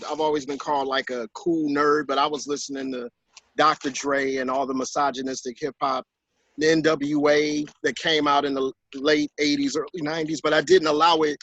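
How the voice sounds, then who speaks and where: A man in his forties, a guest author in a casual conversation, telling stories and acting out quotes in higher voices. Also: a little fast, no room sound, highs cut off. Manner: animated storyteller who acts out quotes in higher voices. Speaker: author and guest on a talk show.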